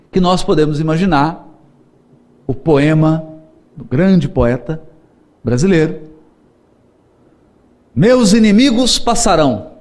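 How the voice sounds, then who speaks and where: A middle-aged Brazilian spiritist lecturer with a Brazilian Portuguese accent gives a seminar lecture full of stories in a high, lively voice that swoops up and down. He is playful, laughs often, and acts out the people in his tales.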